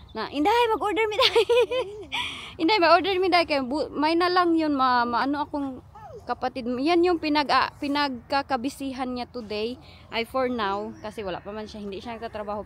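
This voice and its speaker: A woman's voice: on the high side, slight background noise. A pregnant woman with a Filipino accent chatting casually as a vlogger, mixing languages and laughing often. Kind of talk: casual vlog chat.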